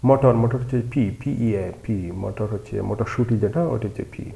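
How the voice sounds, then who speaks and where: A man leads a vocabulary lesson at a slow, patient pace, spelling every word out one letter at a time. His voice sits at an everyday pitch and sounds warm and mellow. The delivery is plain and steady, like a teacher drilling words. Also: creaky, poor audio. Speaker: language teacher.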